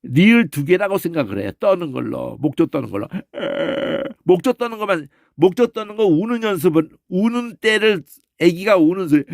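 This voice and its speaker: Lively man teaching pronunciation. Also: sits high, brisk, gravelly, no room sound, clean studio sound. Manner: demonstrates sounds aloud, frequent "어?" check-ins. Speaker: Bible language teacher. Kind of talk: informal pronunciation lesson.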